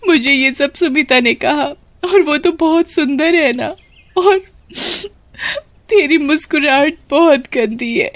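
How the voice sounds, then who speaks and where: Woman doing a crying heartbroken girl, high teary voice, cartoon story. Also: slow, no room sound. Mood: tearful. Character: heartbroken, tearful young woman.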